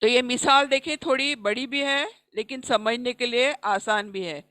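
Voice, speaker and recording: A woman teaching recitation in an online class, explaining each rule and then reciting the example slowly. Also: a little high, bright, forceful tone, no room sound. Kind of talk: recorded online lesson.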